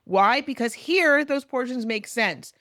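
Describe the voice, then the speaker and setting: A woman's voice: fairly high pitch, animated, unhurried, sharp tone, no echo. Woman teaching Bible text, dry sound. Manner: reads Hebrew verses aloud, then translates and explains. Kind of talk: recorded lecture.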